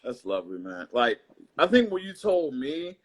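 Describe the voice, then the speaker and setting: A man hosts a relaxed interview, speaking with earnest warmth toward his guest. He talks at a middle pitch in a loose, conversational way. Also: moderate pace. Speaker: podcast host. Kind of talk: casual interview chat.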